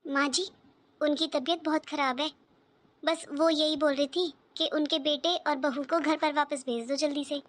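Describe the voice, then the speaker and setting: A woman's voice: high-pitched, steady tone, normal speed, slight background noise, lightly acted. Woman voicing a polite young cartoon bahu. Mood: hesitant. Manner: polite, hesitant. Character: young daughter-in-law, dutiful, soothing. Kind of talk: cartoon voice acting.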